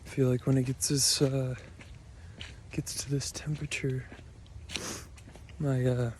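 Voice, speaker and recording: Slow-talking tired young Minnesotan man. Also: mid-range voice, flat delivery, background noise. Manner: rambling, swears a lot, filler-heavy, self-deprecating. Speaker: vlogger. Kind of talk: casual rambling vlog. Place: outdoors in a cold park.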